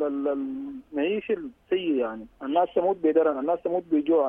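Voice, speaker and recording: Man, phone-in guest, forceful, high voice, dry tinny phone line. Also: dry recording. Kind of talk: urgent political statement.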